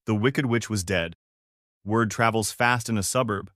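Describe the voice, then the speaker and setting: A man telling a first-person story in a measured, even narration. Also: fairly low pitch, no echo, studio quality.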